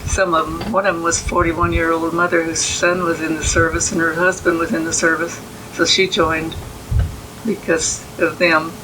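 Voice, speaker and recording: An elderly American woman, a veteran remembering her service in a halting way during an oral history interview. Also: deep voice, flat delivery, background noise. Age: 80s or older. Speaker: army veteran being interviewed.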